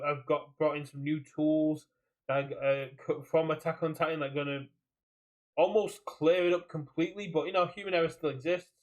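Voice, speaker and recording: A man's voice: on the high side, poor audio. A British man co-hosting a casual podcast chat, rambling and repeating his phrases as he goes. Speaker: podcast co-host. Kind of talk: casual chat about a card game community.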